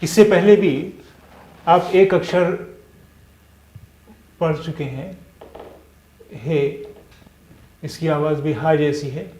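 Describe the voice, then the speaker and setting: A male teacher with a somewhat high voice gives a language lesson at a very slow pace. He patiently repeats each letter sound and often pauses with "uh". The room around him is echoey. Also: fairly even intonation, warm tone. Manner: patient, repeats sounds, many hesitant "uh" fillers.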